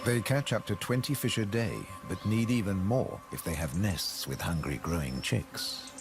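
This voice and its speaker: A man reading scripted nature documentary narration in a measured way, with dramatic pauses. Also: low-pitched. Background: background music.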